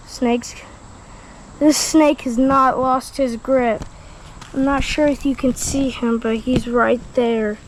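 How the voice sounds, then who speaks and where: Excitable high-voiced woman by a creek. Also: a little hiss or hum, low-quality recording. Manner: excitable, exclaiming, talking to camera. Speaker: outdoor vlogger. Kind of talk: casual vlog commentary. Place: outdoors by a creek. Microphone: action camera mic.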